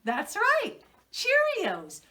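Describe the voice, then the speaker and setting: An American preschool teacher tells stories and leads a reading lesson for young children, unhurried yet highly animated, using questions and prompts to teach. She's recorded from a distance, sounding a bit off the mic.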